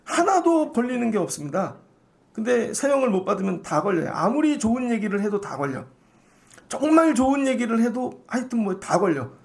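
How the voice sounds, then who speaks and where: High gravelly Korean pastor preaching. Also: male voice, big pitch swings, fairly quick, darkish tone. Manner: conversational preaching, acts out quoted voices. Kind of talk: sermon. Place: church sanctuary.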